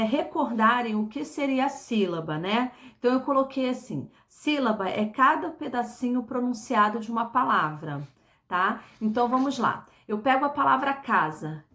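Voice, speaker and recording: In a recorded online class for children, a female teacher speaks with a Brazilian Portuguese accent in a fairly high, fairly bright voice. Her delivery is slow and patient, full of repeated words and syllables and frequent tag questions.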